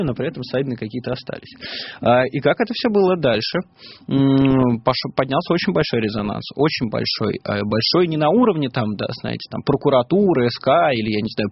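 A man giving an opinionated monologue to his viewers. He talks emphatically, pitch jumping up on key words, with many filler sounds and restarts. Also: slightly rough. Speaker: political commentator. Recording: slightly dull, lo-fi sound.

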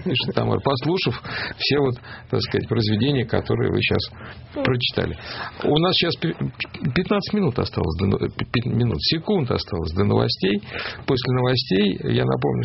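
A man's voice: mid-range voice, lively intonation, brisk, vocal fry, lo-fi sound. A man hosting a live radio show, chatty and loose, stumbling over words. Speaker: radio host. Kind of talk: casual live radio chat. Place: radio studio.

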